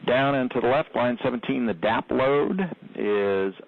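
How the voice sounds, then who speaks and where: Slow precise man over a tinny radio loop. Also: medium pitch, creaky. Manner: deliberate, precise, clipped procedural phrasing. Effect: over a space-to-ground radio loop. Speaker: capsule communicator in mission control. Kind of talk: slow, measured radio readout of numbers. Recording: tinny phone-like radio audio.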